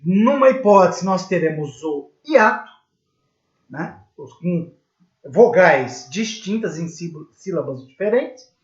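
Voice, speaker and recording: Brazilian man, grammar teacher, unhurried delivery, patient and repetitive; echoey room. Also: high voice, lively intonation. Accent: Brazilian Portuguese. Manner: patient, repeats and spells out examples, checks in with "tá?". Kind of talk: recorded grammar lesson. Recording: echoey room, dull lo-fi sound.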